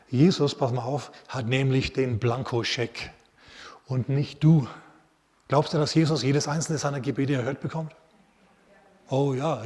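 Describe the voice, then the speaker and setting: A man preaching a sermon as a pastor, telling stories in a lively way and acting out quotes. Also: medium pitch. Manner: lively storytelling with acted quotes. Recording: long reverb of a large hall.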